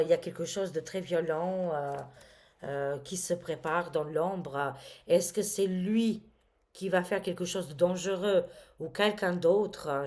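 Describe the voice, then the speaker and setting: Woman tarot vlogger, low-ish voice, theatrical gasps and sighs, chatty and hesitant. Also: darkish tone. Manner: dramatic, exclaiming, many fillers. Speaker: tarot reader. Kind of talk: casual tarot reading to camera.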